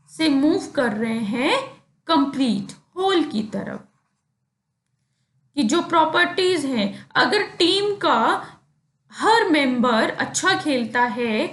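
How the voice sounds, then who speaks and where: A woman teaching philosophy, reading definitions slowly and explaining them more quickly in casual asides. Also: high-pitched, fairly bright tone, roomy sound. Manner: slow, deliberate reading of English definitions, quicker Hindi explanations. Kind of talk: explanatory lecture mixing Hindi and English.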